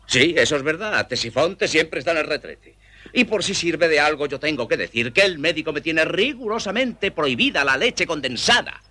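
An actor playing a fussy male boarder who earnestly pleads his innocence, with a husky voice. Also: fairly high pitch, animated, normal speed, pushed and bright. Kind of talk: film dialogue.

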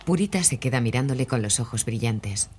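A narrator reading scripted audio description for a film in an even, measured way. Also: mid-range voice, a little hiss or hum.

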